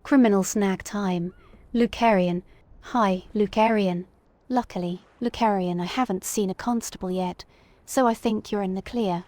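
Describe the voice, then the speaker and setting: A woman's voice: medium pitch, a little slow, darkish tone, dry recording. Cast: woman streamer, casual gaming chat through livestream headset audio, greeting viewers and thinking aloud.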